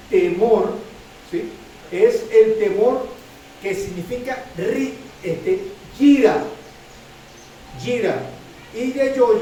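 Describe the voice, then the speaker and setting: Middle-aged Chilean pastor, male, high mellow voice, halting repetitive sermon delivery, heard from afar in an echoey hall. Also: recorded from a distance, a little hiss or hum. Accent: Chilean Spanish. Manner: repetitive, stammering restarts, frequent "¿sí?" to congregation. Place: church hall.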